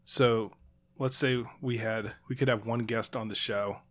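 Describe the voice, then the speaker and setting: Podcast co-host, male, mid-pitched, chatty and explanatory, loose and joking. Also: steady tone, a little slow, a bit bright. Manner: chatty, explaining at length with fillers and restarts. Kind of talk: casual chat.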